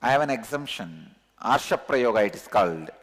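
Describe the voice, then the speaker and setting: A man with a thick Tamil Indian accent, a native Tamil speaker, giving a religious discourse as a spiritual teacher, emphatically repeating key words with pauses. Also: medium pitch, expressive, a bit bright. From Tamil Nadu, India. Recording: long hall reverb.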